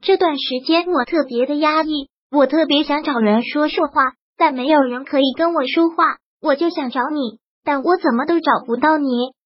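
A woman's voice: high-pitched, normal speed, few pauses, no echo, muffled recording, natural voice. A woman voicing a lonely, downcast young actress who talks in an earnest, pleading way, in a storybook reading. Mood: tearful.

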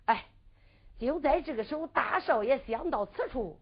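A woman performing sung and spoken ballad storytelling in a drawn-out, sing-song delivery. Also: high voice, lively intonation. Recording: dull lo-fi recording.

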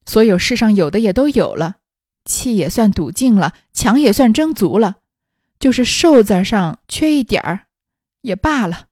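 A woman's voice: medium pitch, very animated, moderate pace, a little mellow, dry recording, clean studio sound. A woman voicing a proud, ailing young noblewoman in her twenties who speaks in a scornful, cutting, weary way. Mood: bitter. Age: 20s.

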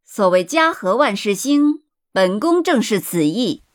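A woman's voice: medium pitch, sing-song, measured pace, pitched above the performer's own voice. A woman voicing a scheming, pregnant young imperial noble consort who speaks with sweet, condescending politeness in an audiobook. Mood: gracious. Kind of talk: audiobook character voice.

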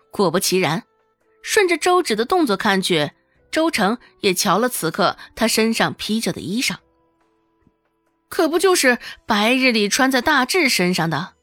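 A woman narrating a serialized novel as an audiobook, in a lively storytelling manner, voicing all the characters herself. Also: a little high, normal speed, no room sound, soft background music.

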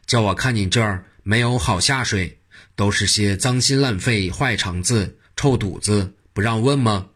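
A man's voice: fairly low pitch, moderate pace, fairly bright tone, breathy edge. Jigong, a teasing monk from a male storyteller. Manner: teasing and playful. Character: joking, mischievous old male monk.

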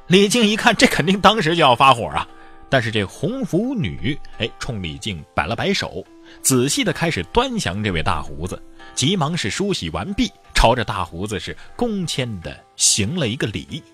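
A man telling an old tale in a lively, colloquial way, with playful asides. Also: medium pitch, moderate pace, faint music behind. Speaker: storyteller. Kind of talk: animated oral storytelling.

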